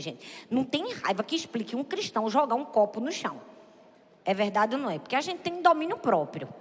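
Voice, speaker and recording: A woman preaching a lively sermon, often asking her listeners to agree and acting out what people say. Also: high voice, long reverb tail. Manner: lively, asks the audience "é verdade ou não é?"; acts out quoted people in a raised voice.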